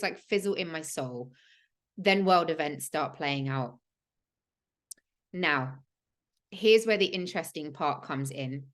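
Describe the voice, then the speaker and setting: A woman, hosting a livestream and telling a personal story in an earnest, emphatic way with many "like" fillers. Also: lowish voice. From England. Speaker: host of a spiritual podcast.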